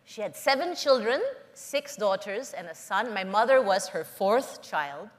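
A middle-aged woman from the Philippines giving an earnest, measured public talk, telling personal stories to an audience. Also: mid-range voice, lively intonation, in a large hall. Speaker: conference speaker.

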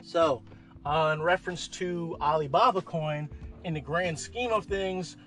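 A man's voice: fairly high pitch, measured pace, fairly bright tone, faint music behind. A young man hosting a casual crypto news show, talking loosely with sarcastic asides and restarts.

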